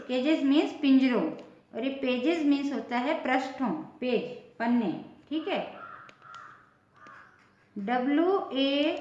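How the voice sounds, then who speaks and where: A woman's voice: sits high, darkish tone, echoey room, lo-fi sound. A woman teaching an English pronunciation lesson in Hindi, spelling words out letter by letter and repeating each word with its meaning.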